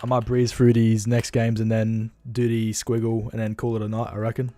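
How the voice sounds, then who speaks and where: A tired young Australian man chats through a livestream in a loose, rambling way, blunt and quick to swear. His voice sits low and mellow, with a dry, close sound and faint music behind him. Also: monotone. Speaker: livestream host. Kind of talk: casual livestream chat.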